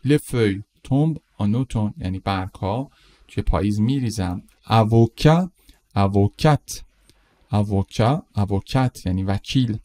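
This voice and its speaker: A middle-aged male teacher with a lowish, mellow voice, giving a vocabulary lesson. He drags each word out slowly and repeats it, then moves on briskly to its meaning and an example. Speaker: French teacher.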